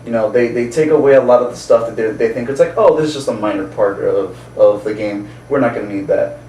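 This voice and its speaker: Chatting eagerly about films, this man speaks fast in a mid-range, dark-toned voice and laughs softly throughout. He sounds distant and roomy on the recording, with a little noise behind him.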